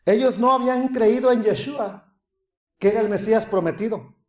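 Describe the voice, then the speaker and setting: A man preaches with a fairly high voice, moving from lively, laughing impressions of doubters to near-hushed asides. The recording carries a noticeable roomy echo. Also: moderate pace. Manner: animated, acts out crowd voices with laughter, drops to soft hushed tones. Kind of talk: sermon.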